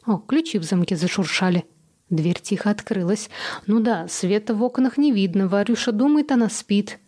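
A woman narrating a story in a calm, even storytelling voice. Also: mid-range voice, normal speed.

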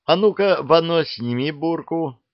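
A man's voice: fairly high pitch, animated, a little slow, dry recording, voice pushed up. A man voicing a stern, commanding young prince who speaks in curt orders, on a dry, dull recording.

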